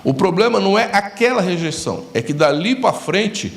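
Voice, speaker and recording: Male Brazilian pastor, sermon, gravelly lively voice, slightly high, echoey church room. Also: moderate pace. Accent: Brazilian Portuguese. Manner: storytelling, acts out dialogues, addresses congregation directly.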